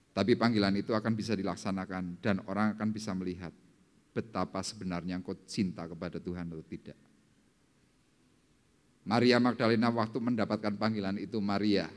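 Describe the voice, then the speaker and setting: A male pastor preaching a sermon, slowing down and lifting his voice dramatically when he reads scripture. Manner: dramatic, slowing down and rising in pitch for scripture quotes. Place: church service hall. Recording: long hall reverb in a church.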